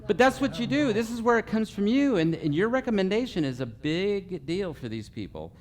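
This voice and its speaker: A man's voice: sits high, sing-song, fairly quick, slight background noise. A man giving a live customer service training, working through a numbered list and checking in with the group with frequent okays. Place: meeting room with a live audience.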